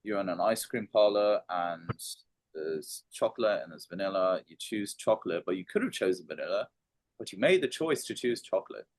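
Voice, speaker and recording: A man with a fairly low voice talks philosophy in a relaxed podcast chat. He hesitates often, filling gaps with ums and restarting phrases as he works out his thoughts. The sound is dry and close, with almost no room echo. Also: moderate pace. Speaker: podcast co-host. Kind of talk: casual philosophical discussion.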